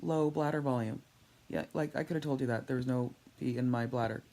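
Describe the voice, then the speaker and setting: A woman's voice: a bass voice, fairly quick, mellow. Woman weak and sore after surgery. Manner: rambling, candid, wry. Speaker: patient vlogger recovering from surgery. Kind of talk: casual personal video diary. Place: at home. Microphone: tablet held overhead while lying down.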